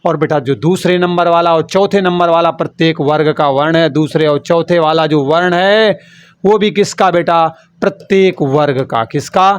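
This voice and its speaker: A man's voice: fairly high pitch, moderate pace, clean tone, no echo. A male Hindi teacher from Uttar Pradesh giving an exam-prep lesson. He calls his students "beta" and answers his own questions by repeating the key words. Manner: demonstrates sounds, softly then with force.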